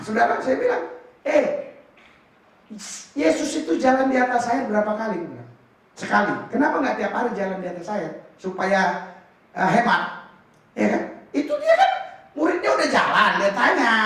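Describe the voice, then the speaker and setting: A man preaching with a high voice, full of dramatic storytelling, jumping from hushed asides to shouted punchlines. He sounds distant from the microphone, his voice bouncing around a very reverberant hall. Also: normal speed, long pauses. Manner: lively storytelling with bursts of shouting and laughter. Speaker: pastor. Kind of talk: sermon. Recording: roomy echo from far off the mic.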